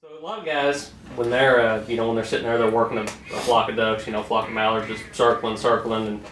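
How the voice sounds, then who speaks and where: A male interviewer speaks quickly at an average pitch, in a casual, rambling way. The recording is echoey and a bit distant, with faint noise behind him. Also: fairly even intonation, fairly bright tone. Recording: distant mic, roomy echo, faint noise.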